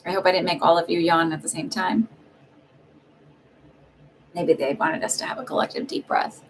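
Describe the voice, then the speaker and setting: A woman's voice: fairly low pitch, fairly even intonation, normal speed, a little hiss or hum, low-quality recording. A woman doing a live-streamed psychic reading, chatting casually and meandering with many fillers. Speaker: psychic reader.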